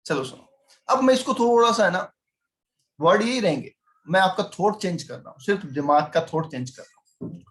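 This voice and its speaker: A man's voice: high voice, animated, normal speed, pauses often, a bit bright. A male teacher giving a chatty lecture, teasing his students and constantly quizzing them. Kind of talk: classroom lecture.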